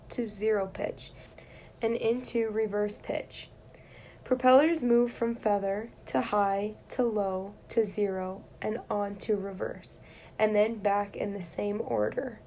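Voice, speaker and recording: A woman reading aloud written and oral exam study questions and their answers, in a steady, plain reading manner. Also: mid-range voice, a little hiss or hum.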